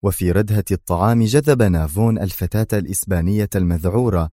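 A man's voice: low-pitched, fast, dark tone, no echo, studio quality. A man narrating a thriller novel in a dramatic reading.

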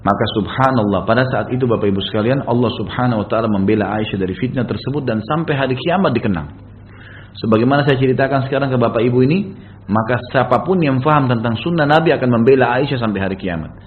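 A man delivering a storytelling sermon at a rapid clip. He keeps turning to his listeners with rhetorical tag questions. The recording is muffled and lo-fi. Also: mid-range voice, a little hiss or hum. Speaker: preacher.

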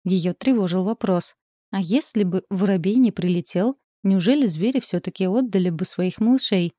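A woman narrating a literary story in a calm, measured audiobook reading. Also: medium pitch, no echo, clean studio sound.

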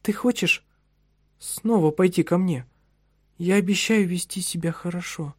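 A man's voice: a little slow, husky, no echo, studio quality. A male narrator voicing a prim, frightened young French wife in a raised, pleading voice. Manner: high pleading voice rising to shrill cries.

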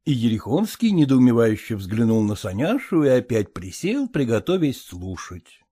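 A man narrating a story as an audiobook reader, in a low, matter-of-fact manner. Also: sing-song, moderate pace, warm tone, breathy edge.

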